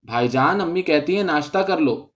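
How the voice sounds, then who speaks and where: A man's voice: a little high, animated, lightly acted. A man doing a cheeky little boy. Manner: shouting, teasing. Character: cheeky five-year-old boy, loud and teasing. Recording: dull lo-fi recording.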